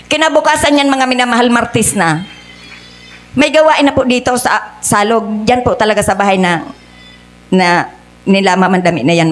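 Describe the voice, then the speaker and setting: A middle-aged woman giving an earnest church testimony in a church, calling her listeners beloved again and again. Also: medium pitch. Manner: earnest, addresses the congregation as "mga minamahal" again and again.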